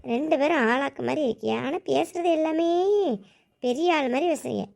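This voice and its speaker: A young woman trades sharp, scolding banter in a village family comedy sketch. Her voice sits high and has a gravelly edge. Her lines are quick and teasing.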